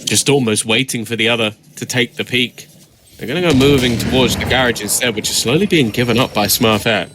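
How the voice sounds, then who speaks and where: A man's voice: medium pitch, noisy background. Male esports caster calling live play. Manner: builds into excited, drawn-out calls at big moments.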